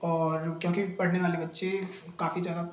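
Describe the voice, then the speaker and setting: A man's voice: high voice, level tone, fairly quick, reverberant, muffled recording. A young man in casual vlog storytelling, retelling a bad experience in a chatty, indignant way, full of fillers and restarts. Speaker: vlogger recounting a bad coaching experience.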